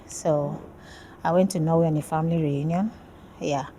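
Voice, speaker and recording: Nigerian-born woman doing a casual interview about her research, kinda low and warm, lots of ums. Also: fairly even intonation, normal speed, slight background noise. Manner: friendly, hesitant, many fillers. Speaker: PhD student interviewee.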